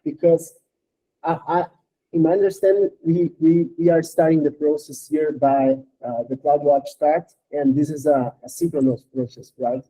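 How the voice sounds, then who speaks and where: Man asking questions on a video call through garbled, robotic audio; a bit high-pitched and mellow, halting. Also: fairly even intonation. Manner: halting, with many restarts. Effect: garbled, robotic low-quality call audio. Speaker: meeting participant asking questions. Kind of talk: casual technical meeting talk.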